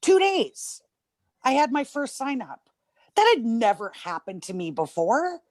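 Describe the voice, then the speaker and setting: A woman's voice: a little high, very animated, normal speed, no echo. A woman giving an emphatic, gushing testimonial on a video call, at times choked up. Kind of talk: emotional testimonial.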